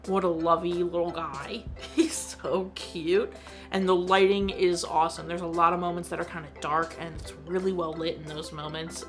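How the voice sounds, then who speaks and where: A woman's voice: fairly low pitch, steady tone, moderate pace, over music. A woman hosting her own show, giving a chatty, enthusiastic movie review full of "like.". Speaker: host.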